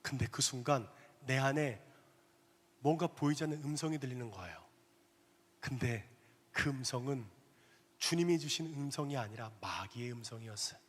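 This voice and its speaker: A male pastor telling a personal story in a sermon, animated, sometimes dropping to hushed asides. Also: medium pitch, normal speed, long pauses. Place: church sanctuary. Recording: long reverb of a church hall.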